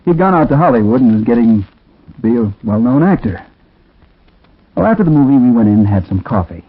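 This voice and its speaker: A mid-range male voice with a sing-song lilt and a breathy edge moves a little fast, with no room sound. He's an actor playing a troubled man recounting an eerie tale in 1940s radio drama fashion, reflective and conversational with hesitant asides, captured in a tinny, muffled 1940s radio recording.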